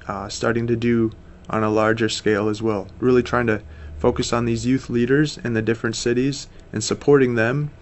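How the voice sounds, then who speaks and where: An American man in his thirties appears as a missionary guest in a casual interview. He speaks earnestly and steadily in a mid-range voice, with frequent fillers.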